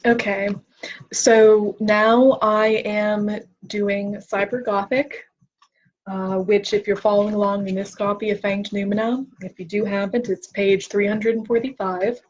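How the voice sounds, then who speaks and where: A woman hosting a casual livestream, reading philosophy aloud and chatting in a slow, self-deprecating way, a little tipsy. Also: medium pitch, steady tone. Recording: dull lo-fi stream audio.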